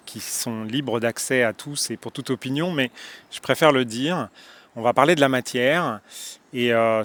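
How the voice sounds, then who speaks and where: A man's voice: medium pitch, a bit bright. A man with a French accent talks to camera in a loose spoken monologue, out of breath, full of hesitations and restarts. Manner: hesitant, many fillers and restarts. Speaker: spiritual video host.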